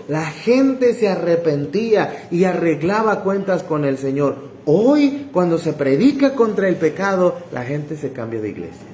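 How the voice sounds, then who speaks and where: A man's voice: sits high, a little mellow, echoey room, slight background noise, rough recording. A man pastor, preaching emphatically and talking straight to the congregation. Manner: emphatic, repetitive, addresses listeners as brother. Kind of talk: sermon. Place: church hall.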